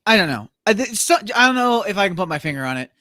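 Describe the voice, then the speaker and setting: A young male podcast co-host chats about movies on a casual review show, speaking fast in a high-pitched voice with big pitch swings. He fills his talk with "like" and mimics characters loudly, all captured with clean studio sound and no room echo.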